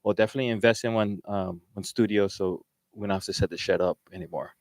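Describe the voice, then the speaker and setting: Deep-voiced laid-back island man. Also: steady tone, fast, a little mellow, no room sound, rough recording. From Wai'anae, Hawaii. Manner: laid-back, laughs easily, stumbles and repeats words. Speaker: podcast host. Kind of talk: casual chat. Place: small studio room.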